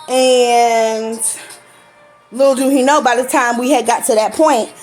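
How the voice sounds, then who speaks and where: Woman venting to camera, kinda high voice, cusses a lot, laughs here and there, faint music underneath. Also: steady tone, measured pace, a little mellow. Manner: blunt, profane, laughs often. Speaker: vlogger telling a personal story. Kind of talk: candid casual storytime.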